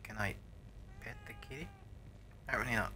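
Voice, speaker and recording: A man's voice: fairly low pitch, a little fast, noisy background. A man in his thirties giving casual gameplay commentary, reacting in wry mutters as a streamer. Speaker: game streamer. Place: small room, indoors. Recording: faint game ambience behind voice.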